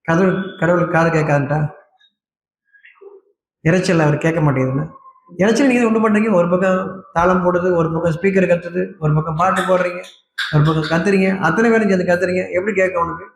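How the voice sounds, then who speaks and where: A man preaching a sermon, scolding his listeners with a steady stream of rhetorical questions. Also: high-pitched, brisk, gravelly, echoey room, a little hiss or hum.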